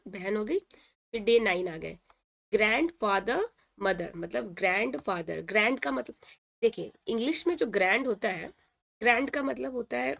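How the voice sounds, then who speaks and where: A woman teacher talks through a lesson at an even, medium pitch. She repeats each word slowly and checks in often with short confirmations. Her manner is patient and steady. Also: creaky. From India. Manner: patient, repeats words and says "ठीक है" often. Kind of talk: explaining a textbook lesson in Hindi.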